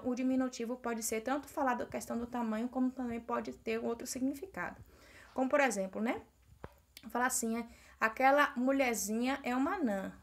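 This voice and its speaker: A young adult Brazilian woman teacher with a Brazilian Portuguese accent, explaining a grammar lesson in a recorded video class and checking in with "né?". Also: a little high. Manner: explanatory, repeats "né?" to check understanding.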